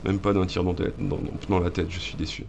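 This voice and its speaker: A man with a low, gravelly voice gives running commentary as he plays an arcade shooter. He is excitable and joking, talks back to the game and his viewers, and a faint hiss sits under the recording. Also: fairly quick. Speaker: gaming channel host. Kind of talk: live let's-play commentary.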